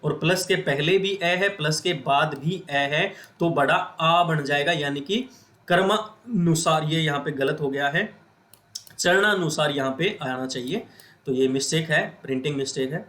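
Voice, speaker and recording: A man's voice: fairly high pitch, fairly even intonation, normal speed, few pauses, a bit bright. A man with a Hindi accent teaching a grammar lesson, asking the viewers questions and answering them himself. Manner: repetitive question-and-answer explaining, addresses viewers as friends.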